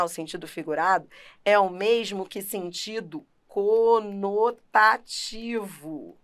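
Uma professora com sotaque brasileiro dando uma aula de gramática animada e enfática, falando direto com o aluno. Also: female voice, medium pitch. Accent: Brazilian Portuguese. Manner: animated, emphatic, talks straight to the student. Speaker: teacher. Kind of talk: lively grammar lesson.

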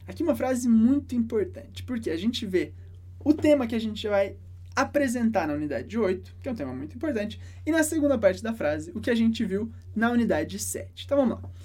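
Mellow-voiced woman teaching French slowly. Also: on the high side, sing-song. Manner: slow, careful repetition of each phrase. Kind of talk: explaining a dialogue phrase by phrase.

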